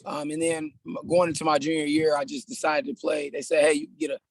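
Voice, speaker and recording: A laid-back personal trainer from California, in his thirties, talks fast as a guest on a casual podcast interview, with a gravelly, slightly high voice. He keeps restarting sentences and tossing in "man." The audio is poor, dry and close, with no room sound.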